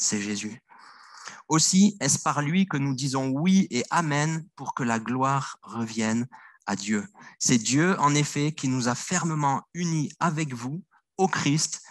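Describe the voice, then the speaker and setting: A middle-aged man with a French accent delivers a sermon with earnest conviction. He circles back over his phrases and sometimes trips and restarts a word. His voice sits at an ordinary pitch and sounds dry and close, with no room echo. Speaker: pastor.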